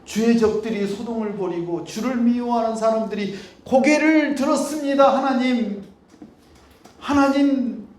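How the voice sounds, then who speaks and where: A man preaching a sermon as pastor, moving from low, quiet talk to loud pleading cries. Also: normal speed, hardly any pauses, echoey room. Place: church sanctuary.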